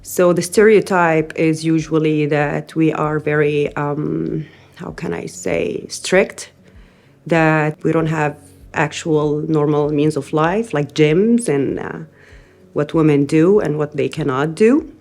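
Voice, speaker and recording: A middle-aged woman from Syria, a native Arabic speaker, giving an earnest interview with frequent pauses and restarts. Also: low-pitched, fairly even intonation, darkish tone. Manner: earnest, thoughtful, frequent hesitations. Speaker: interviewee, newcomer parent. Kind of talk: interview testimony.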